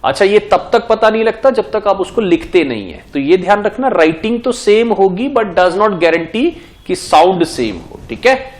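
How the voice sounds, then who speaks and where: A man's voice: high voice, expressive, moderate pace, few pauses. A man with an Indian accent teaching an exam-prep lesson at a board, asking his class questions and answering them himself, switching between Hindi and English.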